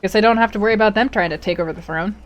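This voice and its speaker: A woman's voice: mid-range voice, very fast, muffled recording. A woman streaming a strategy game live. She reads the event text aloud, reacts with playful exclamations and talks to her chat.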